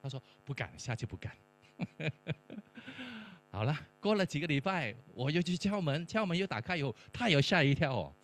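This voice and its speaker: A man's voice: fairly high pitch, big pitch swings, moderate pace, a bit bright. A middle-aged man, a professor and church mentor, telling a testimony-style story and acting out the dialogue. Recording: faint mains hum.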